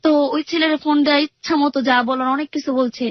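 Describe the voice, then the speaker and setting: Fast-talking high-voiced woman. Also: fairly even intonation, no echo, dull audio. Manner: earnest, rambling retelling with many fillers. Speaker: guest telling her life story. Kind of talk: personal storytelling interview.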